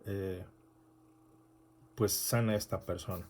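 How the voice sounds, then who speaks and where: A man's voice: low voice, steady tone, takes it slowly, darkish tone. A male pastor preaching an unscripted sermon, correcting himself often and adding rhetorical asides.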